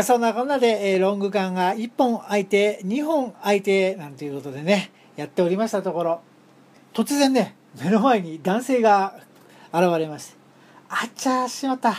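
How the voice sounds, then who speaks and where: A woman's voice: medium pitch, a little mellow. Polite woman recounting a solo trip. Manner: polite and formal with humorous asides; frequent hesitations while recounting. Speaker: podcast host. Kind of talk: solo travel storytelling.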